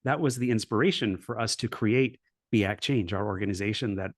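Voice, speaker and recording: A brisk man with a voice on the low side speaks in a clean, echo-free studio recording. He's a middle-aged coach and ex-professor from Los Angeles, guesting on an interview show and telling his life story reflectively and earnestly, restarting often and saying "you know."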